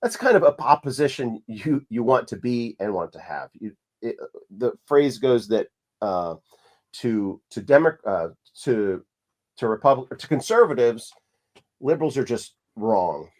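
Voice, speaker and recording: A man hosting a podcast, telling a story in a relaxed, conversational way with frequent restarts and fillers. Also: mid-range voice, a little slow. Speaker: podcast host. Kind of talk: casual conversation.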